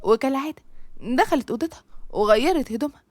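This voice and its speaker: A woman with an Egyptian accent narrating a serialized story in a brisk, expressive reading. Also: high-pitched, no echo. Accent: Egyptian Arabic.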